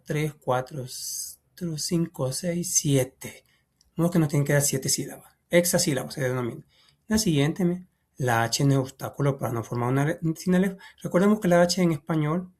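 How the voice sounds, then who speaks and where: A man walks through a textbook lesson in a relaxed, chatty way. He thinks aloud, keeps saying "va", and counts syllables slowly, his voice going soft as he counts. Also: a little high. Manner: casual, thinks aloud, often says "va". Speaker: teacher.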